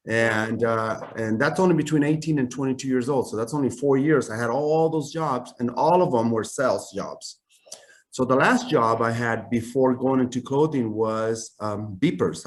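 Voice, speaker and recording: A man in his fifties from Chile, a native Spanish speaker, telling his life story in a casual video-call interview, rambling with many fillers and restarts. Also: mid-range voice. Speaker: guest, custom clothing company founder.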